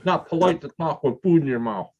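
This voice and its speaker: Lively man on a muffled call. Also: on the high side, brisk. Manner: upbeat greetings and quips. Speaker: chat participant. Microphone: video call.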